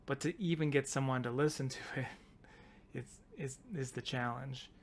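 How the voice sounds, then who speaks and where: A man's voice: medium pitch, steady tone, normal speed, slight background noise. A man co-hosting a podcast in casual chat, rambling and laughing as he talks things through. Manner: rambling, self-interrupting, laughs often. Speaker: podcast co-host.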